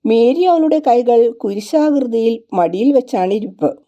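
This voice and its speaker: Mellow woman narrating a devotional book. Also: a little high, lively intonation, unhurried. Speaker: audiobook narrator. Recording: dull lo-fi recording.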